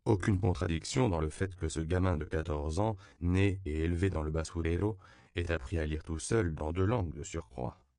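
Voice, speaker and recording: A man narrating an audiobook in an even, measured literary reading. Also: sits low, gravelly, clear, resonant tone, no room sound, studio quality.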